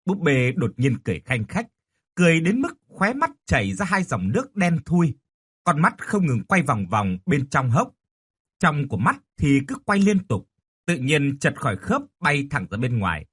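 A man narrates a horror audiobook with a husky voice. His delivery is dramatic and expressive. His pitch rises and falls with lively movement throughout. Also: normal speed.

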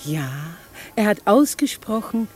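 A woman's voice: mid-range voice, big pitch swings, a little slow, soft background music. A gushing, flirty society lady. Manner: coquettish and chattering, with theatrical sighs.

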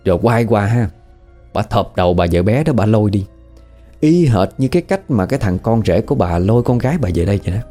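A man's voice: lowish voice, lively intonation, a little fast, warm tone, faint music behind. A man with a Southern Vietnamese accent telling a horror story in a chatty, conversational way, often asking the listener questions. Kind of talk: casual spoken horror storytelling.

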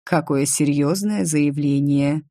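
A possessive young nobleman, as a female reader plays him, talks in a slow, sneering drawl with a low, mellow tone. It sounds dry and close, with no room around it. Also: level tone, dry recording. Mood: mocking. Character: cold, mocking young nobleman, possessive and proud. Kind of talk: audiobook narration.

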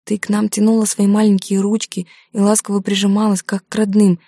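A woman's voice: medium pitch, monotone, fairly quick, warm tone, dry recording, clean studio sound, natural voice. A woman reading the part of a desperate middle-aged mother in an audiobook, confessing and pleading. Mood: pleading confession. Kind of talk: audiobook character voice.

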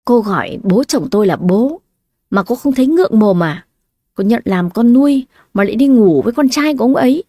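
Woman doing an icy calm young wife, mellow low-key voice. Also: fairly quick, no room sound, clean studio sound. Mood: cold. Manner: calm, cold and cutting. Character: young wife, cool and cutting.

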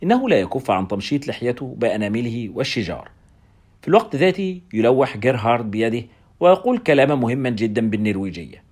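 A man reading a novel aloud, with wry, expressive first-person narration. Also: mid-range voice, breathy edge.

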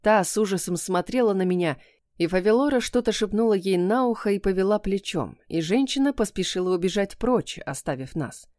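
A woman giving a steady, expressive first-person narration of a fantasy audiobook. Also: medium pitch, fairly quick, no room sound, clean studio sound.

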